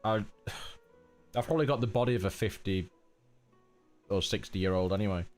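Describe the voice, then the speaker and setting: A man's voice: lowish voice, moderate pace, a little mellow, faint music behind. A man in his thirties with a nasal voice, chatting casually to viewers during a game stream. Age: 30s. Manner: rambling, chatty, talks to chat as mate. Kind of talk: casual live-stream chat.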